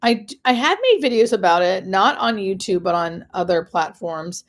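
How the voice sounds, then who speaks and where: A woman's voice: medium pitch, lively intonation, normal speed. An American woman working as a hospice nurse answers questions on a casual live stream, explaining things conversationally with stop-and-start phrasing and emphatic repetition.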